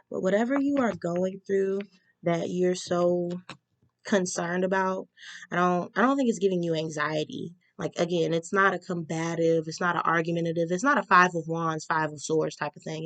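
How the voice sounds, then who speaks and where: A young woman giving a casual tarot reading, talking frankly and slowing down to stress her advice. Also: lowish voice, no room sound. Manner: candid, advice-giving, slows down for emphasis. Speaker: tarot reader.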